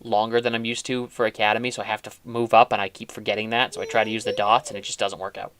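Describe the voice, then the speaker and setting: A man's voice: on the low side, little pitch movement, rapid-fire, a bit bright. A man hosting a casual chat, talking in a chatty, rambling way with frequent restarts. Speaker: host.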